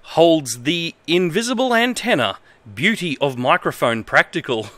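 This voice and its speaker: Casually livestreaming at an indoor desk, an Australian streamer in his thirties reads aloud haltingly for comic effect, with amused emphasis. His voice is on the high side with big pitch swings, a measured pace, and slight brightness, on a dry recording.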